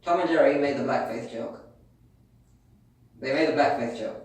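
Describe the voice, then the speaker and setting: A British man with a mid-pitched voice co-hosts a casual podcast debate, circling back and repeating himself as he argues. He is heard from a distance in a very echoing room with a faint hum behind. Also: normal speed. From Britain. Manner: rambling, argumentative, repeats himself. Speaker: podcast co-host. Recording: very echoey room, distant mic.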